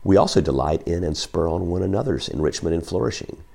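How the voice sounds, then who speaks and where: A man preaching a Sunday sermon with a croaky, froggy voice, often repeating words as he reads excerpts from a book. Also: deep voice, animated, fast talker, warm tone. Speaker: pastor.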